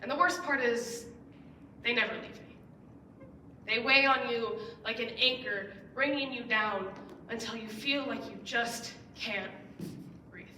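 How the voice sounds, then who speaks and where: On a school stage, a student in her late teens makes an earnest persuasive speech in a slightly high, pushed and bright voice, unhurried in pace. Key words rise with emphatic stress. There's slight background noise, roomy echo and some distance from the mic.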